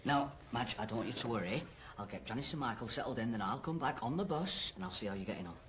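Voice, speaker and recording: A man's voice: medium pitch, lively intonation, quick pace, background noise, natural voice. An actor playing an exasperated, put-upon male holidaymaker who rants and swears. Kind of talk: sitcom acting.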